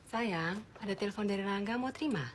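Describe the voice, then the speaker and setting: A woman plays a caring mother in a homemade film remake. She talks softly and coaxingly to her daughter, with a mid-pitched voice and faint room noise behind her. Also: fast, lightly acted. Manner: soft, coaxing and affectionate. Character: gentle caring mother of a teenage girl.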